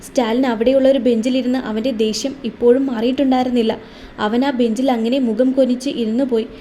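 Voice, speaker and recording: A woman narrates a scripted romance story with steady, expressive reading. Her voice sits high and sounds soft and mellow. A faint hiss stays under the voice. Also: fast talker.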